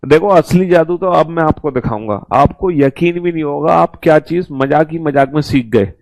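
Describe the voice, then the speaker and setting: A man's voice: fairly high pitch, moderate pace, creaky, a little mellow, dry recording. A male teacher giving a recorded class, drilling letter mnemonics and coaxing his students along. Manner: addresses students as beta, coaxing. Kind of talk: recorded online class lesson.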